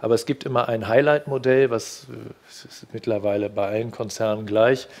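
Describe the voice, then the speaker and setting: A man's voice: fairly low pitch, flat delivery, a little fast. A man in his fifties describing what he filmed at a car fair, talking hesitantly with many restarts and fillers, on a headset mic in a TV studio. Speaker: reporter recounting a car fair visit. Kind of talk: studio discussion.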